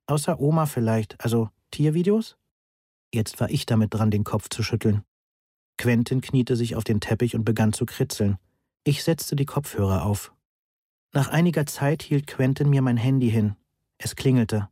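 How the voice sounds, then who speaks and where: A man reading a first-person story aloud in an even, matter-of-fact way. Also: medium pitch, moderate pace, husky, no echo, clean studio sound. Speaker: audiobook narrator. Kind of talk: scripted first-person narration.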